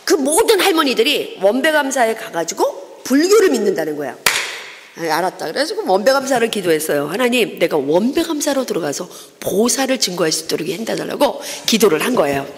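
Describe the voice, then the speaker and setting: A woman evangelist giving a testimony sermon in a church, telling her story in a lively way and acting out the people in it. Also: on the high side, fairly quick, background noise. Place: church sanctuary. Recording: long reverb of a church hall.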